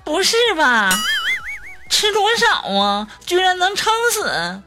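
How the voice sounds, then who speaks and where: A man putting on a shrill startled young woman. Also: sing-song, very fast, exaggerated voice. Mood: shocked. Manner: high falsetto, exclamatory. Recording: over loud background music.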